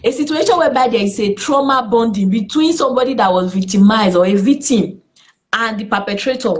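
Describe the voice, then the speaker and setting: A Nigerian woman speaking as a therapist in an interview, earnest and lively, with exclamations in her stories. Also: a little high, a little fast. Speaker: therapist guest. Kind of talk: interview conversation.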